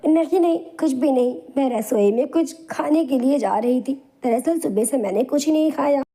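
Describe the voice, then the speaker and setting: A woman voicing a meek, mistreated young orphan woman who pleads timidly in an animated storybook. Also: sits high, moderate pace. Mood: pleading.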